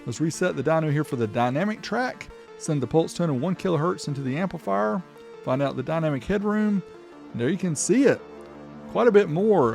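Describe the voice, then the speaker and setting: This man's voice is a little high, with vocal fry and a darkish tone. As host of a car audio amplifier test video, he narrates each step of his demonstration and reads the test readouts aloud.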